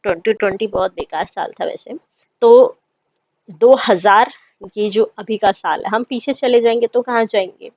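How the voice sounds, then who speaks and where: A woman's voice: mid-range voice, moderate pace. A woman in her thirties gives a history lesson, moving between reading a textbook and explaining it patiently, step by step. Her voice comes through thin and phone-like, with no room echo at all. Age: 30s. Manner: explains step by step, checks in with "ठीक है". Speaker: history teacher. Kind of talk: lecture reading English text and explaining in Hindi. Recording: dry, tinny phone-like sound.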